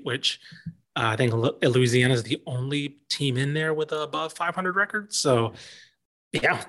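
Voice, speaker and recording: A man co-hosting a casual sports podcast, thinking aloud with many pauses and fillers. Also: medium pitch, a bit bright.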